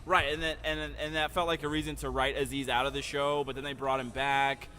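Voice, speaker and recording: A man's voice: medium pitch, level tone, a little fast, crowd noise. A man co-hosting a casual podcast, rambling with hesitant fillers. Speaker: podcast co-host. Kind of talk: casual bar chat.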